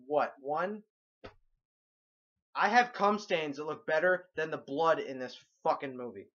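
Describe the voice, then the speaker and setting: Profane ranting young man, lo-fi audio. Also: a little high. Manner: profane, sarcastic, bursts into loud outbursts. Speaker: movie reviewer. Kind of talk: ranting movie review.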